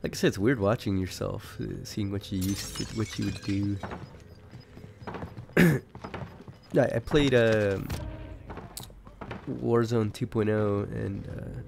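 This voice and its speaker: A man with a low, gravelly voice rambles casually as he comments on gameplay. He sounds sick and keeps clearing his throat, swearing freely as he talks. The recording carries a steady hiss of noise behind him. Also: slow pace, long pauses. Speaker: gaming commentator.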